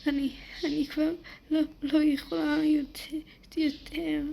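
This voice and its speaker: A woman's voice: sits high, level tone, mellow, a little hiss or hum. A woman in a whispered role-play voicing a frightened, bullied teenage girl who stammers and pleads.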